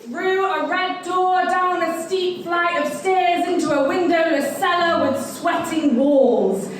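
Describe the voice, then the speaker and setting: A woman performing a live poetry reading at a bar event, with an expressive, dramatic delivery. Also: extremely high pitch, slow pace. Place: bar event space, indoors. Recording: echoey room from far off, noisy ambience.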